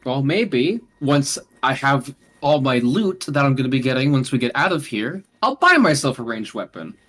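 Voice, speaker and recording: A man's voice: mid-range voice, very animated, moderate pace, fairly bright tone. A man playing a tabletop game, chatty and joking, slipping in and out of his character. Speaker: player. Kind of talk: casual tabletop game chat.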